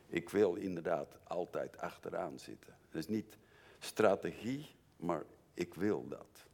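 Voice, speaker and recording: An older man preaching a sermon in an earnest way, moving from quiet confession to emphatic warnings. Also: low voice, a little slow, vocal fry. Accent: Dutch.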